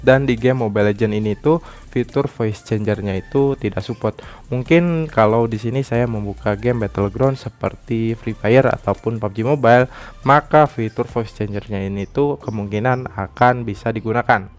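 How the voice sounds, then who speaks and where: With a lowish voice at a moderate pace, a man explains an app in a tutorial, often ending sentences with a short "ya." He's a tech tutorial YouTuber, and background music plays.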